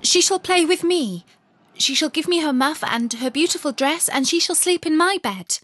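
A woman's voice: high voice, expressive, normal speed, a bit bright, pitched above the performer's own voice. A woman doing a bossy little robber girl. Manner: bossy, threatening.

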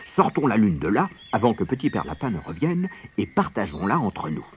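A man's voice: fairly low pitch, wildly swooping pitch, a little fast, a little hiss or hum. A man voicing a greedy grumbling bear. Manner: gruff, grumbling. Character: big-bellied greedy grumbling male bear.

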